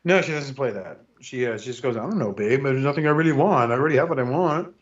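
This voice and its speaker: A man of middle pitch co-hosting a casual podcast. He jokes around and swears freely. The recording sounds a little dull and lo-fi. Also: quick pace. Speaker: podcast co-host. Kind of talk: casual chat.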